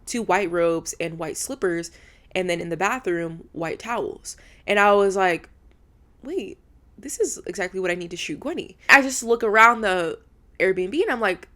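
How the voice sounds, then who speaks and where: A woman's voice: on the low side, normal speed, bright, forceful tone. A woman in her twenties hosting a solo podcast from an apartment room, talking candidly and heartfelt, swearing freely. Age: 20s. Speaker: podcast host. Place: indoors in a rented apartment room.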